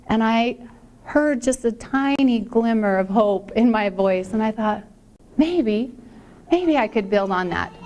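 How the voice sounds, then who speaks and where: A middle-aged woman giving a conference talk as a personal story, chatty and acting out the dialogue she quotes. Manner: chatty, acts out quoted dialogue with lively pitch jumps. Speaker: conference speaker.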